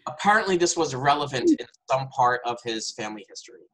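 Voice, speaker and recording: A man narrating an absurd adventure in a storytelling game with a playful, tall-tale manner. His pitch swings up and down with animated emphasis, and he sits at a middle pitch for a man. He talks over a video call. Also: fast talker, low-quality recording. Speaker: game host and player.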